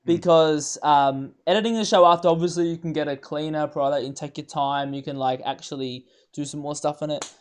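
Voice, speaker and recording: A young man, hosting a casual live chat, excitable and full of fillers. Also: a little high, fairly quick, hardly any pauses. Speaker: host.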